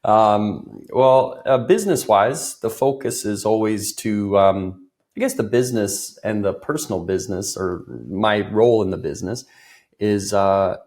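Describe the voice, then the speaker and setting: An Irish man, a business consultant, chats as a guest in a conversational interview, his lowish, slightly mellow voice a bit off as he recovers from a cold. He speaks at a measured pace, loosely and with plenty of fillers, laughing easily.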